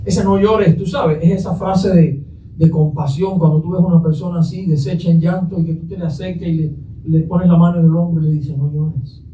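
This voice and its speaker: A man's voice: fairly high pitch, fairly even intonation, brisk, dark tone, roomy sound, recorded from a distance, a little hiss or hum, rough recording. A man pastor giving a Sunday sermon, putting questions to the congregation and answering them himself. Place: church sanctuary.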